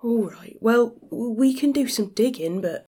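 A woman's voice: a little high, expressive, unhurried, warm tone, breathy edge. A woman playing a tabletop role-playing game, giggling and dropping into whispers when speaking in character. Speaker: player.

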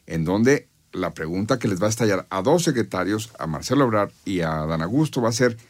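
A man's voice: fairly low pitch, expressive, a little fast. A man with a Mexican accent offers conversational political analysis, explaining and arguing his points as a panel commentator. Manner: explanatory, argumentative.

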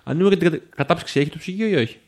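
A man playing a mystery game as a guest, thinking aloud and asking curious questions about the room. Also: a little high. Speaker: player guest.

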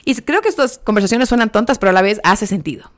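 A woman's voice: medium pitch, expressive, fast. A young woman chats through a casual vlog review of a reality show. She keeps checking in with "¿ok?", calls her viewers friends, and drops English words into her sentences. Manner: chatty, keeps asking viewers "¿ok?"; sprinkles English words into speech.

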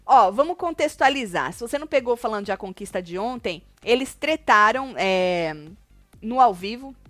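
A woman hosting a casual gossip show, retelling reality-show drama in an animated way. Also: a little high, moderate pace, no room sound, faint music behind. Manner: excited, animated retelling with quoted shouting.

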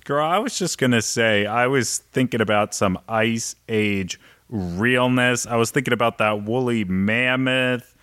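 A man co-hosting a podcast, bantering in a sassy, playful way and quick with jokes. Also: medium pitch, fairly bright tone, clear, resonant tone, no echo, studio quality. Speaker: podcast co-host. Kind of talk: casual banter.

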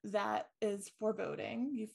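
A woman's voice: mid-range voice, lively intonation, unhurried, vocal fry, a little mellow, slightly rough. A woman co-hosting a podcast, casually retelling a ghost story with lots of ums and likes. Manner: chatty, many ums and likes, laughs easily. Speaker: podcast co-host.

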